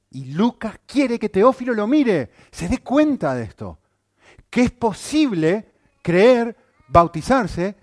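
A male pastor preaching a sermon, animated, with rhetorical questions and frequent checks on his listeners. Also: high-pitched, dry recording, studio quality.

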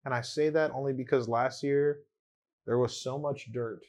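A man's voice: medium pitch, fairly even intonation, moderate pace, darkish tone. A young man chatting casually in a loose, slangy, giggly way. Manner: slangy, loose, giggly when telling stories. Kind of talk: casual chat.

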